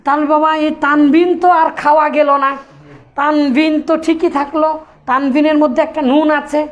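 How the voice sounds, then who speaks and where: A woman with a high voice teaches Arabic grammar. She poses questions to her pupils and answers them herself, calling them by fond terms. She often recites the rules in a sing-song chant. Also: flat delivery, a little fast. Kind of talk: classroom-style lesson.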